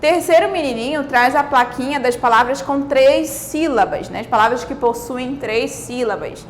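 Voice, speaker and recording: Brazilian woman, primary teacher, video lesson; patient and drawn-out, slightly high pitch, faint background noise. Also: animated. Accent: Brazilian Portuguese. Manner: patient, slowly stretches out example words, frequent "né?" and "tá?" checks. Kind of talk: recorded grammar video lesson.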